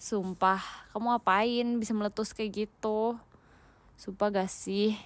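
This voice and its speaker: A woman's voice: medium pitch, fairly even intonation, measured pace, dry recording. A young woman from Indonesia chatting casually with viewers on a livestream, playful and giggly, mixing in English words while lying down at home. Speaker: idol livestreamer.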